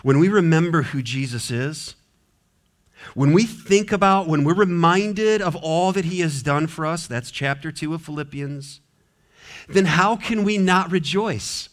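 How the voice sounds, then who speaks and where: A man's voice: a little high, a little slow. A man preaching a sermon as pastor, emphatic, his voice rising and dropping sharply. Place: church sanctuary.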